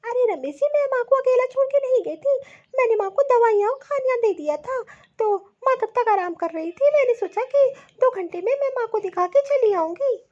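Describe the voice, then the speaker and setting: Woman doing a sweet eager young cartoon daughter-in-law, super high bouncy voice. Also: lively intonation, fairly quick, few pauses, a little mellow. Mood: earnest. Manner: earnest, eager to please. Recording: dull lo-fi audio.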